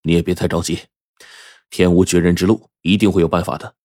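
A man's voice: low-pitched, steady tone, a little mellow, no echo, clean studio sound. A man doing a sighing, scheming village teacher. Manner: sighing, measured. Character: village schoolteacher, middle-aged man, scheming.

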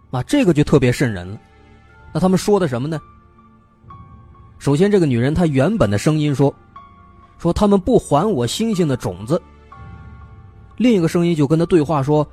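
A man hosts a show about an unsolved mystery, telling the story casually and chattily while building suspense and using lots of filler particles. His voice sits on the high side, mellow with a breathy edge.

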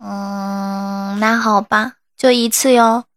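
A woman's voice: medium pitch, fairly even intonation, takes it slowly, natural voice. A woman acting a spoiled, babyish young woman who pouts and sobs dramatically in a comedy skit. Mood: pouty. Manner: babyish, pouting, sobbing dramatically.

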